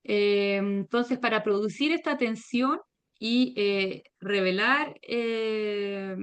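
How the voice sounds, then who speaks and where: Slow, measured woman lecturing. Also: fairly high pitch, clean tone. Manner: measured, hesitant with frequent fillers. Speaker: researcher giving a virtual lecture. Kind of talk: academic presentation. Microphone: video call.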